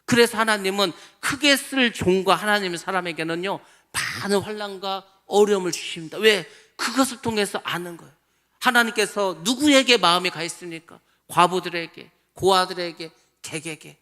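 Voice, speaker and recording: Male pastor preaching hard, high bright voice, acts out the quotes. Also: normal speed. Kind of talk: sermon.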